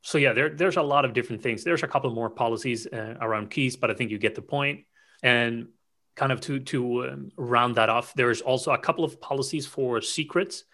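A man with a bright, forward voice walks through technical settings as an invited expert. He talks with eager enthusiasm, piling detail upon detail in a conversational way. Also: medium pitch. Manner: enthusiastic, rapid-fire explainer. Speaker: cloud security expert guest.

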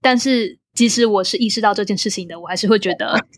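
A woman's voice: mid-range voice, fast talker, no room sound. A young adult woman from Taiwan with a Taiwanese Mandarin accent, chatting reflectively and casually, dropping in occasional English words.

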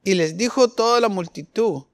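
A man's voice: high-pitched, moderate pace. A man preaching a sermon, firing rhetorical questions at the congregation and acting out the people he quotes. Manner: fervent, rhetorical questions, acts out quoted voices.

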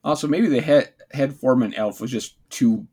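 A man with a husky, slightly rough voice chats as a co-host. He gives casual, rambling, jokey commentary, often restarting his thoughts. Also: medium pitch, normal speed, darkish tone.

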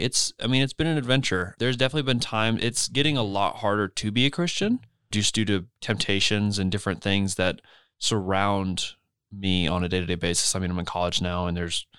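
A man's voice: low voice, fairly bright tone, clear, resonant tone, dry recording, studio quality. An eighteen-year-old man in college, talking earnestly and a little hesitantly in a casual family podcast chat. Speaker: podcast guest, son.

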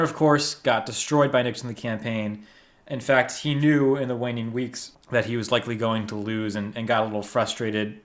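A man recounting history on a podcast in a steady, explanatory manner. He tells the story clearly and adds light laughs now and then. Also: lowish voice. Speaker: podcast co-host. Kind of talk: casual podcast chat with history recaps.

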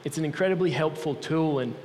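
Here the young Swiss guest preacher talks fast, his voice a little high and slightly mellow, as he gives a sincere, personal sermon for a mission group. Long reverb from the large church hall fills the recording, with slight background noise. His accent is Swiss.

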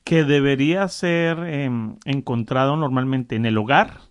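A man's voice: medium pitch, a little slow, highs cut off. A man hosting a faith interview, reflective and encouraging as he asks questions. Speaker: host.

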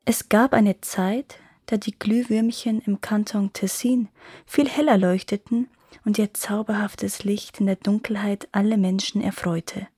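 A woman narrates a fairy tale for her podcast in a calm, measured storytelling voice. Her tone is softly husky and a little breathy. The recording is close and completely dry. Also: mid-range voice, dry recording.

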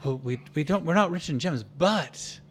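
A man's voice: on the high side, expressive, normal speed, a little hiss or hum, natural voice. A man playing the wary leader of a people who bargains hard, stammering and restarting as he negotiates. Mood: bargaining.

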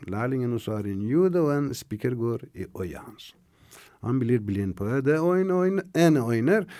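A man from Iran with an Iranian accent, telling a folktale in an animated, dramatic way with shifting voices. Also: medium pitch, dry recording, studio quality. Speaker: storyteller. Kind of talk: oral folktale storytelling.

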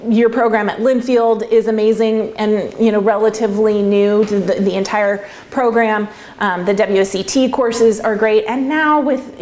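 A woman's voice: mid-range voice, darkish tone. A woman giving casual, reflective answers in an interview, talking in a conversational way. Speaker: interviewee, winemaker.

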